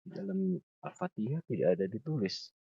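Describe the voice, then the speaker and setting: A man teaching recitation, slowly repeating sounds and patiently correcting pronunciation. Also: a little high, sing-song, vocal fry, warm tone, slightly rough, dry recording. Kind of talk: pronunciation lesson. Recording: muffled, distant from the mic, dry.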